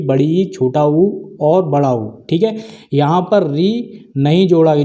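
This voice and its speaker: A man's voice: a little high, mellow. Man teaching with constant "theek hai". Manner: repeats "theek hai" constantly, asks and answers his own questions. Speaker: Hindi exam-prep teacher. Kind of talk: video lesson explaining grammar.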